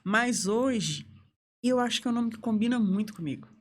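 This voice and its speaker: A woman's voice: on the high side, expressive, moderate pace, a little hiss or hum. A woman, a guest on a podcast, speaking reflectively and affirming in casual conversation.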